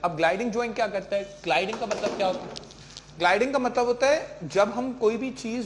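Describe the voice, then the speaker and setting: Patient male teacher, faint background hiss. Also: a little high. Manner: explains patiently, asks questions and answers them himself; mixes in English terms, keeps checking with "ठीक है". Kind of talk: classroom lecture.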